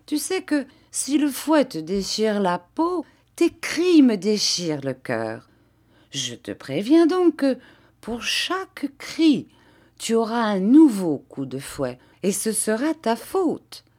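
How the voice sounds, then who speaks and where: A woman reading an audiobook who voices a cruel man who beats children, speaking in a soft, mocking, menacing tone. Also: a little high, very animated, slow pace, voice pushed up, heavily acted. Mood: mock-tender menace.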